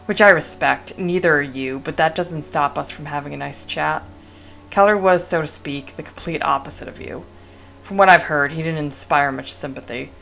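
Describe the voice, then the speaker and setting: A woman reading aloud the lines of a talkative male village priest from a game, in a measured way. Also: low voice, gravelly, a bit bright. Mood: calm.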